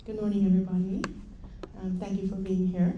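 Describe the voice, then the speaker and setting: This middle-aged Jamaican woman, an assistant professor, speaks on a conference panel in a conversational way, with fillers and small laughs, in a Jamaican accent. Her pitch is medium and her delivery flat and fairly quick. The conference room sounds dull and roomy, with a little hiss or hum.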